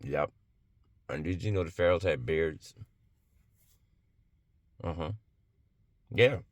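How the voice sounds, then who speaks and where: A man's voice: sits low, takes it slowly, dry recording. A man giving an impassioned religious monologue, emphatic and blunt, firing off rhetorical questions and swearing freely.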